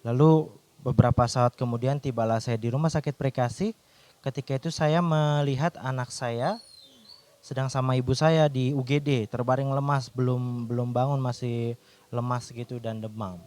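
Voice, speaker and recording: Earnest guy doctor giving a faith testimony, normal pitch, tells it straight with restarts. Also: fairly even intonation, normal speed, darkish tone. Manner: earnest storytelling, with restarts and quoted prayers.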